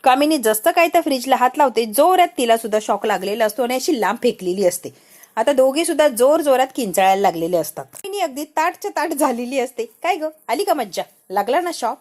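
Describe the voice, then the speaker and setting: A woman retells a family television serial as a lively story, slipping into each character's lines as she goes. Her voice sits a little above the usual range for a woman. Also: sits high, fast. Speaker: serial recap narrator. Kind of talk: storytelling recap narration.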